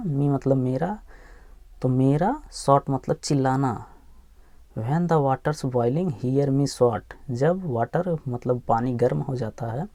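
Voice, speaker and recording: A man teaching English phonics, sounding out each letter slowly and repeating every word. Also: mid-range voice, dark tone, dry recording. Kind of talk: slow phonics lesson, spelling words aloud.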